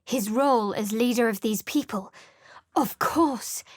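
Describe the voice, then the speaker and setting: In polished video game dialogue, a woman voices a secretive young cleric with a cool, dry wit who keeps everyone at arm's length. Her fairly high, guarded and wry delivery is unhurried and close to the mic in a dead, dry studio booth with no room sound.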